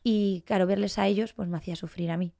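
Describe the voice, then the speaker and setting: A woman's voice: medium pitch, fast, vocal fry. Spanish woman telling a personal story. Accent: Spain Spanish. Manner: emotional, animated, acts out past dialogue. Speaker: guest.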